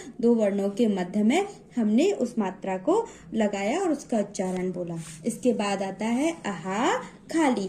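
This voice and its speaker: A woman with a fairly high but mellow voice gives a patient reading lesson. She speaks very slowly, stretching out each example word and saying it again, and keeps checking in with the learner. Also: a little hiss or hum. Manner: patient, stretches out example words and repeats them, frequent "okay?" check-ins. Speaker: Hindi teacher. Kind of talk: classroom-style reading lesson.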